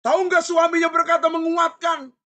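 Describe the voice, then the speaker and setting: Pastor pria berkhotbah dengan lantang. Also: male voice, very high voice, normal speed. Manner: animated, shouting and laughing between points. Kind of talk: sermon.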